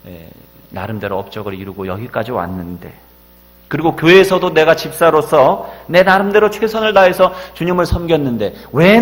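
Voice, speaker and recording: Pastor doing a desperate guy yelling his prayer at god, high and loud, big echoey church. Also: lightly acted. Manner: anguished, crying out in loud pleading. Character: desperate middle-aged man pleading with God.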